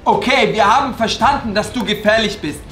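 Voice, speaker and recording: A woman's voice: on the high side, fairly quick, fairly bright tone, faint music behind, poor audio. A woman hosting a kids' vlog, talking in a hyped way to viewers and asking them to subscribe. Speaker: vlogger host. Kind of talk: excited kids' vlog chat addressing viewers.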